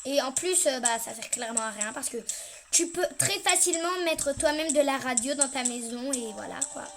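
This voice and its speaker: A woman's voice: sits high, moderate pace, slight background noise. A young woman chatting over her gameplay as a vlogger, complaining dramatically and often dropping into a mutter. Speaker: gaming vlogger. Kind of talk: casual gameplay commentary.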